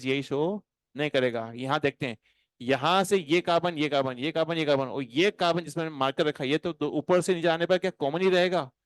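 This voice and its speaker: A man lectures on chemistry to a classroom of students, animated and playful. He slows to a crawl when he dictates notes. His voice is smooth and clear, recorded dry and close with little room sound. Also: on the high side, no echo. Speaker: chemistry teacher.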